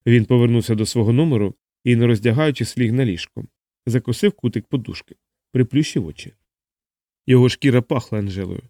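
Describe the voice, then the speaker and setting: A man narrating an audiobook in an even, measured storytelling voice. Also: medium pitch, no echo, clean studio sound.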